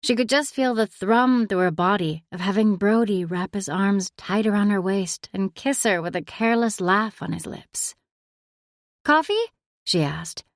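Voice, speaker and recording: Woman narrator, mid pitch, emotive romance read, dry close mic. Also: moderate pace, few pauses, no room sound. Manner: expressive, emotive reading. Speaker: audiobook narrator. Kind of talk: scripted audiobook narration.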